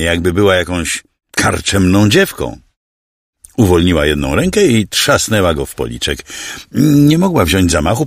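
A man's voice: deep voice, no echo, studio quality. A man narrating an audiobook in a dramatic storytelling manner.

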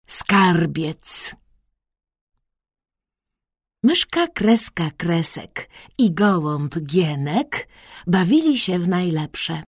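A woman reading a children's storybook aloud, slow and expressive. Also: on the low side, slightly rough, dry recording, clean studio sound. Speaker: audiobook reader.

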